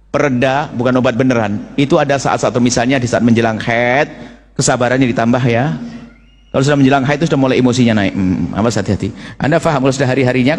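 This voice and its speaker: A middle-aged male preacher giving a sermon, firing rhetorical questions and teasing and scolding his listeners by turns. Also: medium pitch. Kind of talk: Islamic sermon to a congregation.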